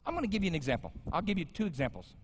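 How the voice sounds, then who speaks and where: Animated preacher in his fifties. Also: high voice, very fast, slight background noise. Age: 50s. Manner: conversational, joking with the congregation. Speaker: pastor. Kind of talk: sermon. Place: large church sanctuary. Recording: church sanctuary with long reverb.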